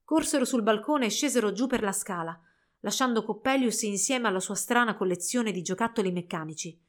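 A woman narrating a storybook in an expressive, measured reading. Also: medium pitch.

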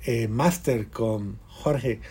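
A man preaching a fervent sermon, swinging between raised praise and hushed prayer. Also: medium pitch, extremely slow, slightly rough. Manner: fervent, sways from loud to hushed. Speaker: radio preacher.

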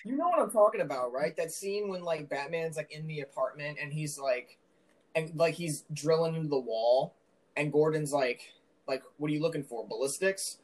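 A man's voice: fairly high pitch, normal speed, darkish tone, no echo, rough recording. A young man co-hosting a casual podcast, ranting with run-on sentences and profanity while walking through his home. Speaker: podcast co-host.

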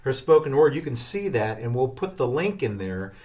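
A man's voice: mid-range voice, big pitch swings, moderate pace, a little mellow. A man co-hosting a casual podcast chat, sounding slightly distant from a small shared microphone. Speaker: podcast co-host. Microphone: small microphone shared by two people, slightly distant.

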